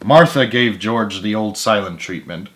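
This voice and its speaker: Reading a story aloud at a measured pace, this man has a lowish voice. He performs it expressively, stressing the character lines and dropping in muttered comments of his own.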